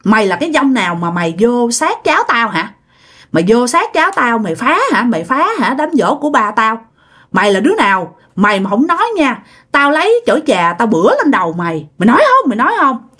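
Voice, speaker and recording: A furious middle-aged aunt in a spoken ghost story, pious but hot-tempered, as a woman acts her out. She shrieks her scolding in a high, loud voice, fast and swinging wildly in pitch. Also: big pitch swings. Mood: furious demanding. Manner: shouting, scolding.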